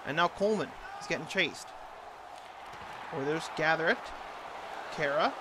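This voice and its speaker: Unhurried and a little high in pitch, a man gives hockey play-by-play in clipped fragments, doing an amateur announcer impression. There's clear ambient noise in the background of the recording.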